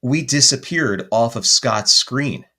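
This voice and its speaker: A man speaks slowly in a mid-range voice as a podcast's guest paranormal investigator. Animated and rambling, his story comes with frequent self-corrections.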